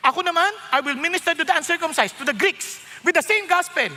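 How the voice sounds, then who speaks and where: A male pastor, preaching an animated, joking sermon and mixing in English. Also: extremely high pitch, brisk. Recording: long hall reverb.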